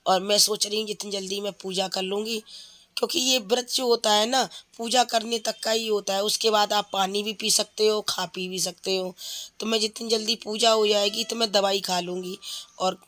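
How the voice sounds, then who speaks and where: A woman's voice: mid-range voice, fairly even intonation, normal speed, fairly bright tone. A woman in her thirties, a mother, chatting casually in a cooking vlog from her home kitchen, explaining each step while feverish. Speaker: vlogger, mother.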